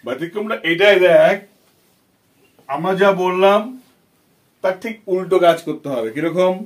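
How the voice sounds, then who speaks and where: This man's voice sits high and moves at a normal speed. Teaching English grammar to children in a Bengali accent, he patiently repeats himself and puts questions to his students.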